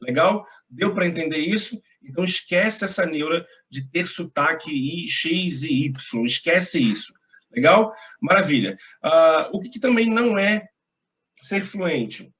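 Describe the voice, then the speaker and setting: A man's voice: on the high side, expressive, a little slow, a bit bright. A young man from Brazil giving a casual video lesson as an English teacher, chatty and reassuring, with slang and frequent tag questions.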